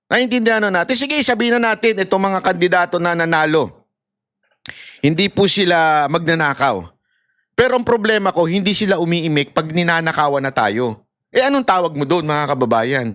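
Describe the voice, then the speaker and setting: A man's voice: high-pitched, lively intonation, normal speed, a bit bright, dry recording, clean studio sound. A man in impassioned political commentary, ranting and mocking, with laughs and acted-out voices. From Philippines.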